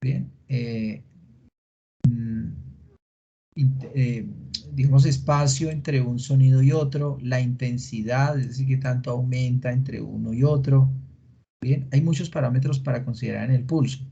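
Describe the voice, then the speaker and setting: Man lecturing, dark husky voice. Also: mid-range voice, steady tone, unhurried. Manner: explanatory, asks students questions, frequent fillers. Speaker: veterinary lecturer. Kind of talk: online class lecture. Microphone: computer mic in a video call. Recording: dull lo-fi meeting recording.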